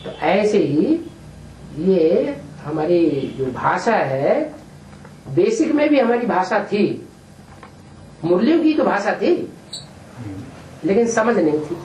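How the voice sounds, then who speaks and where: A man's voice: high-pitched, very animated, slow pace, pauses often, darkish tone. A man giving a question-and-answer spiritual discourse, explaining with examples and asking the listeners rhetorical questions. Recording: roomy room from a distant mic, faint noise.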